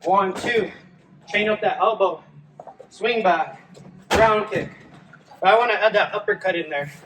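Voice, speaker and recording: A man's voice: high-pitched, normal speed. A man coaching a kickboxing workout, calling out strike combinations in short clipped commands as he exerts himself hitting a punching bag. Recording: distant mic, clearly noisy room. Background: noise, strikes on a heavy bag.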